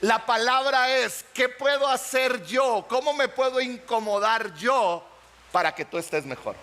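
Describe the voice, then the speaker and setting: Male pastor, very high voice, lively preaching in a church hall. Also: a little slow. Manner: animated preaching, asks the congregation questions, acts out little dialogues. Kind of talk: sermon.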